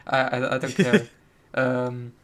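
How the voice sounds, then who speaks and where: Relaxed male podcast co-host with an average-pitched voice, loose and halting delivery. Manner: laid-back, swears, halting restarts. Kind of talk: casual chat over voice call. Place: his room at home.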